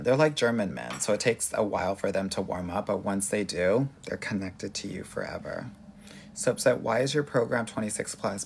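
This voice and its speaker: Gravelly, low-voiced man with a Valley accent. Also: slight background noise. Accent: Southern Californian Valley. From Southern California, United States. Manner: sassy, slangy, addresses viewers as girl. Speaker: livestream host giving dating advice. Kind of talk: casual live question-and-answer chat.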